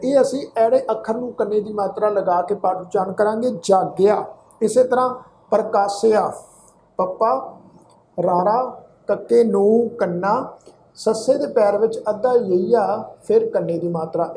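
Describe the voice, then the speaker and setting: A woman with a Punjabi accent teaching scripture pronunciation, chanting verses slowly and spelling out letters. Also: mid-range voice, warm tone, a little hiss or hum, rough recording. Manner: slow chanted recitation alternating with quick spelled-out explanations. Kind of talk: recitation lesson.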